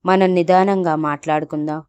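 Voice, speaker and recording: A woman voicing a remorseful young man who pleads softly and soothingly in a storybook audio drama. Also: lowish voice, fairly even intonation, brisk, smooth, natural voice.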